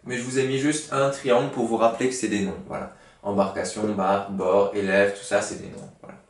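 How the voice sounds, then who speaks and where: Patient teacher, roomy distant sound. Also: male voice, lowish voice, little pitch movement, fairly quick. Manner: patient, explains word origins with many fillers. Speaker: primary school teacher. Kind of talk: remote spelling lesson. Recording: roomy, from far off the mic.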